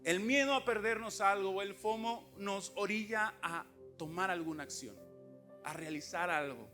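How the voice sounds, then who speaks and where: A lay preacher, giving an emphatic, conversational sermon to a congregation in a church, full of rhetorical questions and asides. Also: male voice, high-pitched, moderate pace, sharp tone, faint music behind. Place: church sanctuary.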